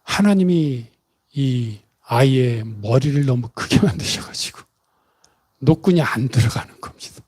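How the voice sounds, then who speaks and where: A man preaching a sermon, retelling a story with dramatic pauses and sudden emotional rises. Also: medium pitch, expressive, darkish tone, husky. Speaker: pastor.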